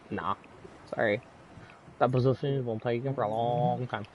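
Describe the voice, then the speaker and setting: While streaming a game, a man talks casually with his party friends, frequently stumbling, stammering and repeating himself amid plenty of fillers. His voice is medium in pitch, and there's a slight hiss or hum on the audio.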